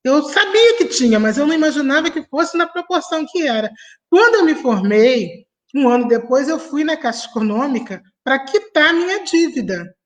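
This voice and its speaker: A middle-aged woman tells her own story on a video call, speaking in a slightly high voice. She is chatty and laughs between her sentences. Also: very animated, moderate pace. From Niterói, Brazil. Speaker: panelist, family doctor. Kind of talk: personal storytelling in an online debate.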